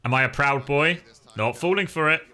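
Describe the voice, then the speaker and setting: A man live-streaming casual reactions to an esports match and chatting with viewers, wry, sweary and excitable. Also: fairly high pitch, normal speed.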